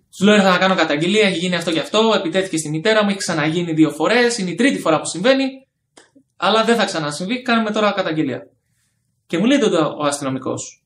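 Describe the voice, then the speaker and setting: A man telling a personal story casually, acting out the dialogue with lively energy. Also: high-pitched. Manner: animated, acts out quoted dialogue. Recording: echoey room with faint background noise.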